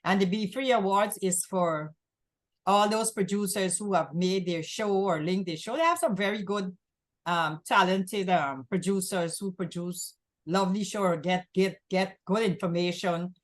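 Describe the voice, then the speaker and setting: A woman's voice: mid-range voice, moderate pace. A woman from Guyana hosting a community access talk show, talking in long rambling runs and often repeating herself. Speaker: host.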